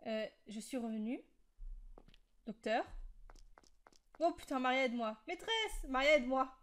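Woman gamer w a high voice, freaking out n laughing thru a horror game, says stuff over n over. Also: lively intonation, unhurried, a bit bright. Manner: jumpy, panicky, laughing, repeating herself. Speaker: let's play gamer. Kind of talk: casual horror gameplay commentary.

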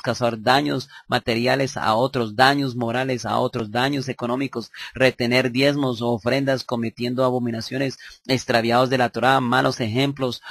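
A man giving a religious lesson to listeners, explaining step by step, checking in with them, and reading a long list briskly, with stumbles and self-corrections along the way. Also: mid-range voice, gravelly, dry recording. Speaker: religious teacher.

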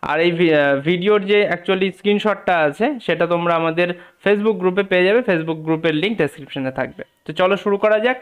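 A young man teaching English, who reads a story slowly, explains each word patiently and often checks that learners follow. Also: a little high, a bit bright, clean tone. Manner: patient, repeats meanings, often asks "ঠিক আছে?".

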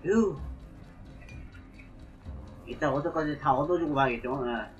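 A man's voice: fairly high pitch, a little slow, dull audio. A man casually commentating live on a game he is playing, into a close mic. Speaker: game streamer. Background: game music.

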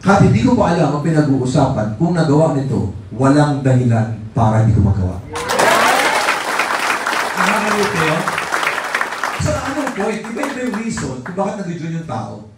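A man's voice: on the high side, normal speed, pauses often, distant mic, over a noisy crowd. A middle-aged man giving a live motivational seminar talk, telling his story with animation and acting out quoted voices. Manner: animated storytelling, mixing English phrases; acts out quoted voices and raises his voice for effect. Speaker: motivational speaker. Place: large seminar hall with a live audience. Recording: echoey hall, voice from afar. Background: faint audience and room noise.

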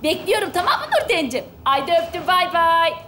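Brash high-voiced woman in a comedy sketch. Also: expressive, bright, forceful tone. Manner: brash, quick, comically indignant. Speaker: shopper character. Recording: live stage show with audience noise. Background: studio audience laughing.

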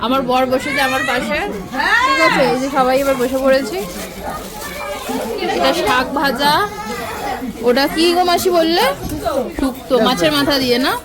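Chatty Kolkata woman, crowded room. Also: sits high. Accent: Kolkata Bengali. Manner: chatty, narrating to camera. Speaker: vlogger. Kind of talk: casual family vlog chat. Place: busy family home gathering. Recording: noisy crowded room sound.

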